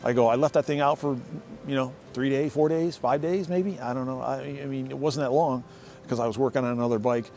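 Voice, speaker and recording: A man's voice: medium pitch, fairly even intonation, brisk, creaky, a little mellow, a little hiss or hum. A middle-aged man telling a casual, rambling story from his shed workshop, often restarting and repeating words. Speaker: motorcycle owner telling a story.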